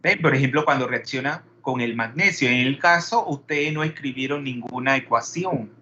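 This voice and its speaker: A man's voice: mid-range voice, normal speed, pushed and bright, muffled recording, slight background noise. A man teaching a chemistry class, peppering students with questions and wandering into digressions. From Panama. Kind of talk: classroom lecture.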